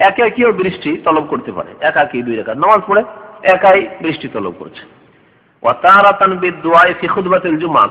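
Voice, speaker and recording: A man preaching a sermon, explaining Arabic phrases and asking his listeners rhetorical questions. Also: a little high. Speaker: Islamic preacher. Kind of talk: sermon lecture. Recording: dull lo-fi recording with long hall reverb.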